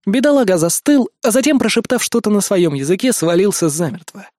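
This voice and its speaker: A man narrating a story in a lively, expressive first-person audiobook reading. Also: high-pitched, a little fast, no room sound, studio quality.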